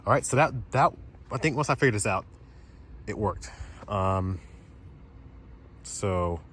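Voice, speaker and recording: A man vlogging casually outdoors at car chargers, relaxed and offhand as he talks through each step. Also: on the low side, measured pace. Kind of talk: casual narrated vlog. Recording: loud outdoor ambience and traffic noise. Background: loud outdoor and vehicle noise.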